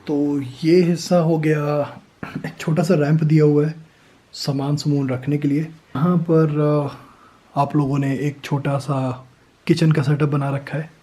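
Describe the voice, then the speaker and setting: A young man, a travel vlogger, excitedly showing off a homestay room at night and slipping English phrases into his talk. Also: fairly high pitch, unhurried, husky, poor audio. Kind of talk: casual vlog walkthrough.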